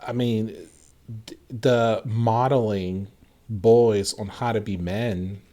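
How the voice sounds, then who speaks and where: A man's voice: on the low side, fairly even intonation, slow pace, dark tone. A man in his thirties co-hosting a casual faith podcast, talking earnestly and reflectively with lots of fillers and restarts. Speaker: podcast co-host.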